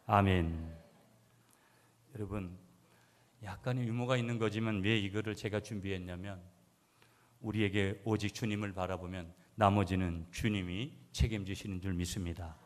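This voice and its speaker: A man's voice: lowish voice, fairly even intonation, normal speed. A man, a pastor, delivering a sermon with emphatic rises and comic dialect readings. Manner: reads a psalm in broad dialect for humor, then preaches emphatically. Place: church sanctuary. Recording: long hall reverb of a church.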